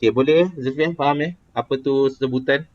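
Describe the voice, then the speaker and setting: A man's voice: mid-range voice, fairly quick. A man with a Malaysian Malay accent teaching a casual lesson, explaining patiently and quizzing a student. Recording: dull lo-fi recording.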